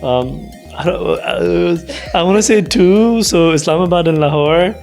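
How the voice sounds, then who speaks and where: A man's voice: fairly high pitch, measured pace, vocal fry, darkish tone, faint music behind. A young man from Nepal, giving thoughtful, hedging interview answers full of "like" and "um". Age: young adult. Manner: thoughtful, hedging, many "like" and "um" fillers. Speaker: interview guest, researcher.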